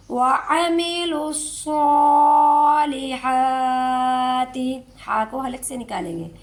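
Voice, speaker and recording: A woman, teaching Quran recitation step by step, explaining slowly and chanting verses drawn out. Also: fairly high pitch, creaky.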